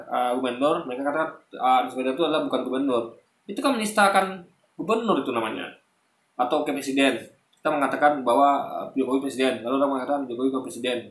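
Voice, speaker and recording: A man talks straight to his audience in a casual, argumentative commentary, calling them "guys" and stumbling into fillers and restarts as he pushes his point. His voice sits fairly high, and the room around him rings with echo. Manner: animated, argumentative, often addresses listeners as "guys"; frequent fillers and self-corrections. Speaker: online commentator. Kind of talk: casual spoken commentary to viewers.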